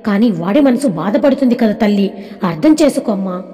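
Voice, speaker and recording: A woman's voice: medium pitch, lively intonation, a little fast, warm tone, close to an everyday voice. A woman reading the lines of a caring mother-in-law who fondly scolds her daughter-in-law and son in a storybook tale. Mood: tender. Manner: fond, coaxing scolding. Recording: long reverb.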